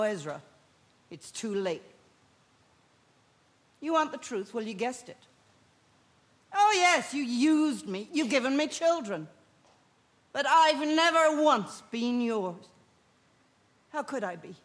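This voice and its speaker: An actress playing a resentful, unfaithful wife on stage, cold and defiant. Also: female voice, fairly high pitch, expressive, slow pace, long pauses. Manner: cold and defiant, turning tearful. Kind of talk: stage drama performance.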